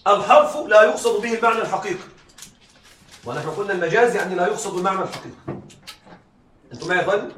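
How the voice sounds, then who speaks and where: A man with a high-pitched, slightly bright voice teaches rhetoric in a classroom lecture, asking his students again and again if they're following. The sound is echoey, captured by a distant mic with a faint hiss.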